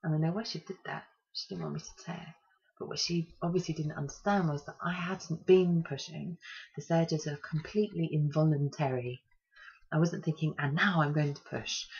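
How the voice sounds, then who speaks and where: Breathy gravelly mum chatting candidly, lots of ums, dull lo-fi home sound. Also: female voice, deep voice, darkish tone. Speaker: mother telling her birth story. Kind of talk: casual personal storytelling. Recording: muffled lo-fi home recording.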